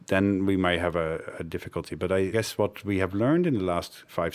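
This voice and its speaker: A deep-voiced man born in the Netherlands, who directs a development network, answers interview questions reflectively and conversationally. He is thoughtful and hesitant, using fillers and correcting himself along the way.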